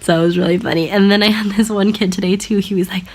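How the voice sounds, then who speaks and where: A woman's voice: mid-range voice, steady tone, fast talker, a little mellow. Chatty young American woman vlogging. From United States. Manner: chatty, laughs often, many fillers. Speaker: vlogger and language assistant at a school. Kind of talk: casual vlog chat. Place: outdoors in a park.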